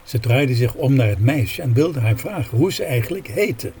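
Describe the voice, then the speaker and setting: A man reading a story aloud in a calm, measured way. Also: mid-range voice.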